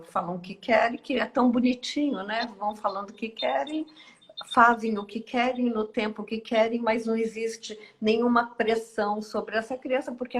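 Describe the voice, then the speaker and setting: A woman with a Brazilian Portuguese accent, a guest speaker giving a reflective live-stream talk with many pauses and tag questions. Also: mid-range voice. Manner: slow, thoughtful, with frequent pauses and tag questions. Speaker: guest speaker and course teacher.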